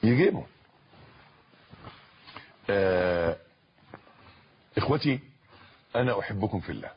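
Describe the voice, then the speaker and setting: A man with an Egyptian accent delivers a sermon in a low, husky voice, repeating phrases and climbing to loud, emphatic peaks of passion. The recording is dull and lo-fi, with a rough, breathy edge to every word. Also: expressive, slow pace. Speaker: preacher. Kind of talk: Islamic sermon in colloquial Arabic.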